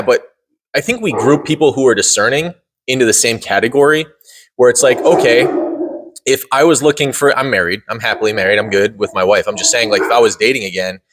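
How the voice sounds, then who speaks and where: Blunt, animated male podcast co-host. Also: mid-range voice. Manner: blunt and emphatic, swears for emphasis. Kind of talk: casual debate chat.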